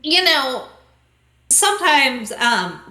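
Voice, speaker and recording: Brief: hesitant, bright-voiced cat-folk carnival hand, played by a woman, echoey room. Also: high-pitched, sing-song, takes it slowly, pitched above the performer's own voice, heavily acted. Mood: coaxing. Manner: coaxing and hesitant, filler-heavy.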